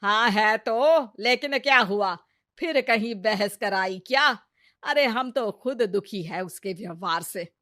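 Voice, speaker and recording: A woman plays a sharp-tongued, nagging mother-in-law in a Hindi cartoon story, sounding theatrical and taunting. Her voice is medium-pitched and slow.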